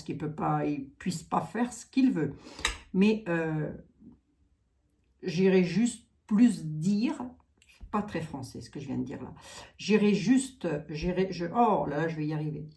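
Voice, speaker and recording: A woman with a Lorraine French accent reads tarot cards, thinking out loud with trailing asides and frequent tag phrases. Her voice sits on the low side and sounds warm.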